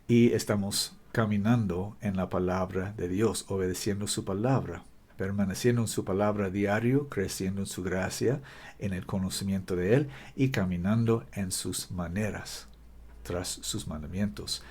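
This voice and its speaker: A male preacher in Spanish, giving an emphatic, halting scripture sermon and correcting himself as he goes. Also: low-pitched, darkish tone, breathy edge. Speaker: preacher, minister.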